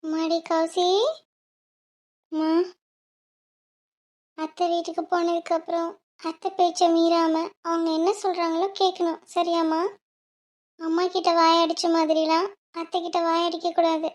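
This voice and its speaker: A woman's voice: extremely high pitch, completely flat delivery, a little slow, pauses often. A woman voicing a caring middle-aged mother in a cartoon, giving her daughter advice. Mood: advising. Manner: lecturing. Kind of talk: cartoon voice acting.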